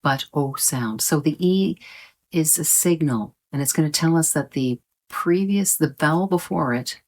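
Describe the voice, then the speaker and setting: A woman pronunciation teacher with a low voice, speaking slowly and deliberately. She explains patiently, repeats her points and holds out vowel sounds to show them. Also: lively intonation, a little mellow. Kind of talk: slow explanatory lesson.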